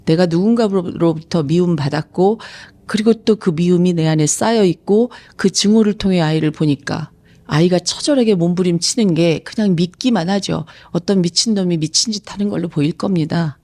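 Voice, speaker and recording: A woman's voice: lowish voice, moderate pace, warm tone. A woman in her fifties, a psychological counselor, reading out a viewer's letter and answering it in an earnest, reflective radio-style talk. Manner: earnest, reflective, emphatic at times.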